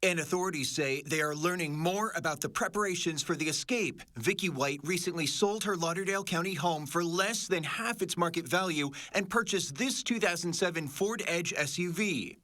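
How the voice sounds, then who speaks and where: Bright, forceful American male news reporter. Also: a little high, normal speed, few pauses. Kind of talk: scripted news report narration.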